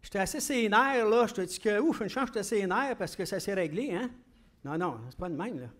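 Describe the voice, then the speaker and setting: High-voiced Québécois preacher, fast and chatty. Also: male voice, expressive, a bit bright. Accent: Québécois French. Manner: fast-talking, conversational preaching with questions to the congregation. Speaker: pastor. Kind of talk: sermon.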